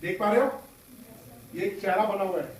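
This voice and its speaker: Hoarse high-voiced man teaching a class. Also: normal speed, far from the mic, a little hiss or hum. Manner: quizzes pupils with call-and-response questions. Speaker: workshop trainer. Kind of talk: classroom talk to students. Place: large echoing school classroom. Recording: echoey classroom taped from afar, student chatter. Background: students murmuring.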